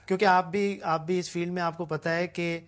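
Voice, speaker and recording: An earnest male singer being interviewed in a studio. His voice sits a little high, and he explains things at length, slipping English phrases into his answers. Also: level tone. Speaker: guest singer.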